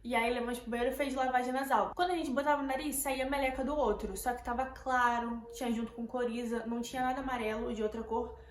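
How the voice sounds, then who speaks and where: A woman's voice: on the high side, fairly even intonation, fast talker, few pauses. A young woman with a Brazilian Portuguese accent, retelling a tense night to her viewers in casual, emotional storytelling that keeps repeating words. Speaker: vlogger. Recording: echoey room, faint background noise.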